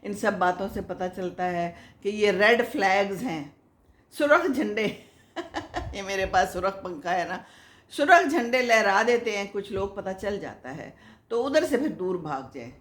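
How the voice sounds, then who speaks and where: An older woman hosts a casual advice talk, answering viewer comments in a chatty, motherly, moralizing manner and laughing often. Her medium-pitched voice is animated and fairly bright, recorded in an echoey room.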